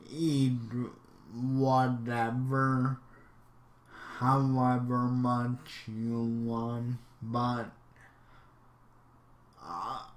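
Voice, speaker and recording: A man reading out would-you-rather questions and answering them offhandedly in casual commentary. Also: mid-range voice. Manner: reads questions aloud, then answers offhand. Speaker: YouTuber.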